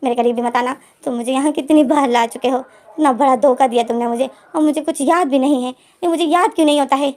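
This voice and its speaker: A man's voice: very high voice, a little fast, a little mellow. A woman voicing a flustered, easily shocked young man who protests in stammering outbursts. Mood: indignant.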